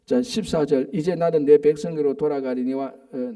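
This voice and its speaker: A middle-aged man, a pastor, preaching a dawn service sermon in a church, emphatic and reading scripture verses slowly. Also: a little high, fairly even intonation, dark tone, far from the mic. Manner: emphatic, asks the congregation for agreement; reads verses slowly and deliberately.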